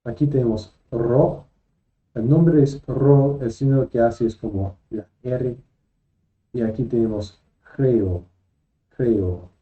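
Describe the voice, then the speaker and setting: Slow, dark-voiced man teaching a lesson. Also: mid-range voice, lo-fi sound. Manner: patient, repeats each example word. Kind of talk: slow lesson, spelling out letters and sounds.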